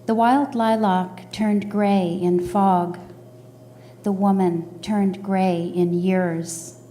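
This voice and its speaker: A woman reading poems aloud in a slow, deliberate recitation. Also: medium pitch, steady tone, dark tone, a little hiss or hum. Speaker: poetry reader.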